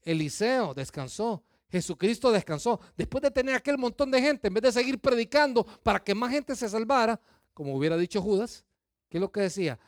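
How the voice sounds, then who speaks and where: A middle-aged man preaching a sermon, lively, firing questions at the congregation and acting out their excuses. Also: high voice, a little fast, no echo, clean studio sound. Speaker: pastor.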